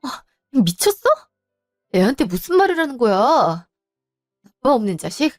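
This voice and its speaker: A woman's voice: on the high side, big pitch swings, unhurried, dry recording, studio quality, faint music behind. A woman voicing a firm, betrayed wife and mother who scolds her husband sharply. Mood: scolding. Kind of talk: storybook voice acting.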